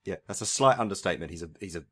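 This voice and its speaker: A man co-hosting a podcast, chatting casually about politics, mostly short agreeing replies with stretches of measured reasoning. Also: low-pitched, expressive, fairly bright tone, breathy edge. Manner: brief agreeing interjections, then measured reasoning. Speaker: podcast co-host.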